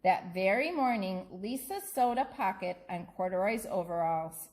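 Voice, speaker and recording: A woman narrating a children's bedtime story in an expressive, deliberate manner. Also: medium pitch. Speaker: school staff member reading aloud.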